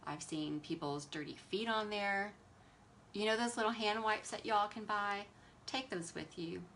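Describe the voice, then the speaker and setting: While doing her makeup on a beauty livestream, a woman chats animatedly with an exasperated, sassy edge. Her voice is medium in pitch, a bit bright, and a little slow. There's slight noise in the background.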